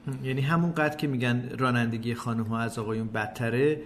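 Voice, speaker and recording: A man's voice: medium pitch, fairly even intonation, a little hiss or hum. A man hosting a podcast, politely prompting his guest with short acknowledgements. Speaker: podcast host. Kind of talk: casual interview chat.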